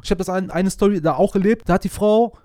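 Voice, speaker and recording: Fast-talking, high-voiced, slangy man. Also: dry recording, clean studio sound. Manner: slangy and emphatic, often says "bro"; animated storytelling with many restarts. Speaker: former care worker. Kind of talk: casual chat.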